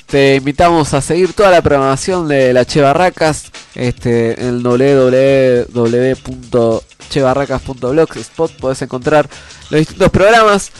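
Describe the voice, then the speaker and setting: A man's voice: fairly high pitch, clean tone. Man, Argentine accent, nasal congested voice, clean tone, earnest conversational radio host, light music behind. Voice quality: nasal, stuffed-up. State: congested with a cold. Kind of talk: conversational community radio hosting. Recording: music playing under the voice.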